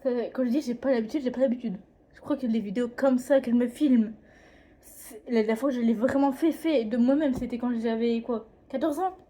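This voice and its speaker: Fairly high-pitched yet dark in tone, this teen drawing vlogger talks fairly quickly. Filming at home indoors, she rambles through a casual chat, hesitant and frequently correcting herself.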